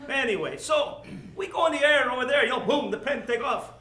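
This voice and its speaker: Brief: man voicing an accordion man, high bright tone, laughs through stories, roomy stage. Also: animated, fairly quick, exaggerated voice. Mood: joking. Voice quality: broken English, chuckling storyteller. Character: talkative older Italian male accordion player. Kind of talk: comic monologue.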